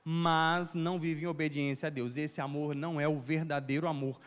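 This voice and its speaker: A pastor giving a lively sermon, often asking his congregation questions. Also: on the high side, normal speed, clean tone, big-room sound. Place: church hall.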